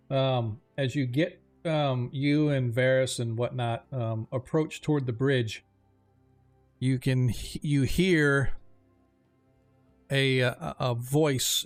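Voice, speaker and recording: A man running a tabletop fantasy game as game master, improvising descriptive narration in a halting way. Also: medium pitch, fairly even intonation, faint music behind.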